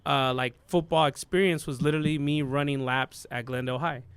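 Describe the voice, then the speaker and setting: A man's voice: mid-range voice, fairly even intonation, fairly quick, clean tone, no echo. A young man from Southern California, a guest DJ, telling his story in a loose, rambling, slang-filled way. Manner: laid-back, rambling, lots of fillers and slang. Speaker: podcast guest, DJ. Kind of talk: casual storytelling chat.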